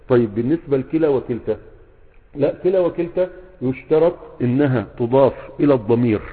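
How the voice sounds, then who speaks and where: Husky, fast-talking Egyptian sheikh teaching. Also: male voice, mid-range voice. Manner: fills gaps with quiz-like questions and checks the students often. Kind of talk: classroom lesson. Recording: tinny phone-like sound in a reverberant hall.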